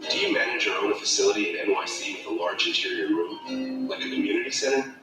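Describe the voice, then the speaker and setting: Male announcer, lively promo read, heard through a laptop speaker into a distant, echoey mic. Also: low-pitched, fast talker. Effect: played through a laptop speaker. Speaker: ad voice-over. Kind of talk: scripted promotional narration. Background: music bed under the voice.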